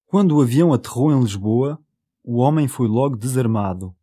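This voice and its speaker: Male course announcer, European Portuguese, mid pitch, raspy edge, careful scripted reading. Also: lively intonation, normal speed, warm tone. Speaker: language course announcer and reader.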